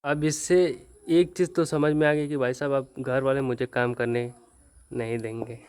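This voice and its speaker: A man's voice: medium pitch, level tone, moderate pace, a little mellow, clean tone, no echo. A young man from northern India talking casually to camera in a vlog, rueful and self-mocking, often calling his viewers "brother". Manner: rueful, self-mocking, chatty, says "bhai sahab" often. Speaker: vlogger. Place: outdoors in farm fields, then at home.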